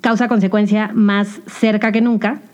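A young woman with a Mexican accent hosting a podcast, telling a personal story in a casual, animated confessional monologue. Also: mid-range voice, moderate pace. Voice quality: chatty, animated storytelling with English slang. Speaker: podcast host.

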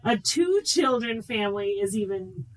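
A woman co-host in relaxed, thoughtful casual chat. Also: mid-range voice, moderate pace, distant mic, a crowd in the background, poor audio. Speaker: podcast co-host.

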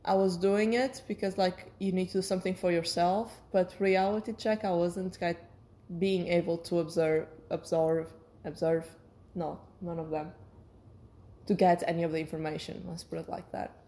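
Lower-voiced woman in casual reflective monologue. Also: steady tone, moderate pace, warm tone. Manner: hesitant, searching for words, self-correcting. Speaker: solo podcast host.

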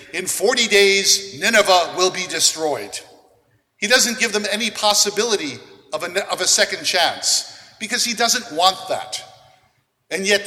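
A man serving as priest, reading the gospel and then preaching a homily in a measured, deliberate way with pauses. His voice rings with a long cathedral-like church echo. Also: high voice, bright, forceful tone. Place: large church. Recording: long reverb of a large church.

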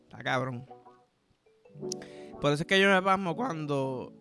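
High bright Puerto Rican man ranting. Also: lively intonation, measured pace, vocal fry, faint music behind. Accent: Puerto Rican Spanish. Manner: vulgar, rambling, acts out voices in his stories. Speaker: podcast host. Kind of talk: crude comedic storytelling monologue.

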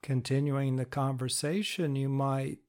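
Slow, patient man explaining. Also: medium pitch, fairly even intonation, a little mellow. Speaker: teacher of inner-parts work. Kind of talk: instructional talk.

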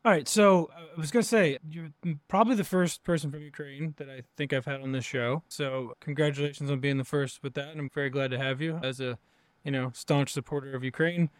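An upbeat, chatty man hosts an interview podcast and puts questions to his guest. His voice sits a little high for a man. The sound is close and dry. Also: fairly even intonation, a little fast, dry recording. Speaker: podcast host. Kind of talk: casual interview hosting.

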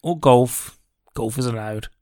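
A man in casual chat as a podcast co-host, talking fast and laughing often. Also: medium pitch, dark tone, no room sound, clean studio sound.

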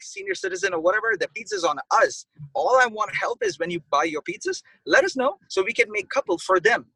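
An excitable man chatting as a podcast guest, racing through his stories and swinging his pitch all over as he acts out what people said. His voice is bright and a bit husky, and the recording is dry and close. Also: no room sound, low-quality recording. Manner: animated, excitable storyteller acting out quotes. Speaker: pizza restaurant owner, guest. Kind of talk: casual podcast interview.

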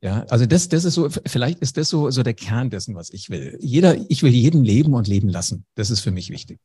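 Man, husky voice, mellow dark tone, lively storyteller, interview guest. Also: mid-range voice, quick pace. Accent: German. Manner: lively anecdotal, speaks directly to listener. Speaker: podcast guest, former radio host.

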